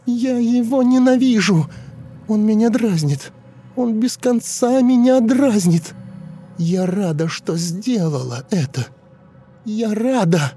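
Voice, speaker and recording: A man voicing a grown woman regressed to a shrill, sobbing ten-year-old girl in a dramatic audiobook reading. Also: warm tone. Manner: high shrill childish wailing, pleading and vengeful.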